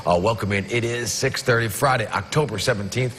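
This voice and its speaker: A man's voice: mid-range voice, brisk, background noise. A man anchoring a morning news show, easygoing and joking with colleagues. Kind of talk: morning news studio banter.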